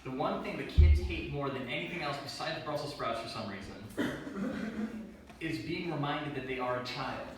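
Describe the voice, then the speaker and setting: A man's voice: medium pitch, moderate pace. A young man telling stories in a first stand-up set, with playful voiced asides, recorded live before an audience. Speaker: stand-up comedian. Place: live comedy venue with audience. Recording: distant roomy live recording, audience noise.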